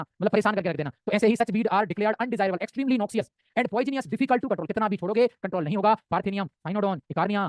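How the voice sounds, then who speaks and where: Indian male tutor, high and very fast, dry close sound, quizzes the class nonstop. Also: no room sound. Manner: rapid, keeps asking "samjhe?" and answering himself. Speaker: teacher. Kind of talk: exam-prep lecture.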